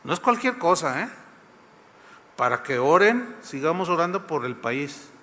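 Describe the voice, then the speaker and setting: Mexican preacher guy, bright voice, acts out the story, sounds like a big echoey church. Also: on the high side, measured pace. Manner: lively retelling, acts out the scenes, addresses the congregation. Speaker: pastor. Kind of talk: sermon.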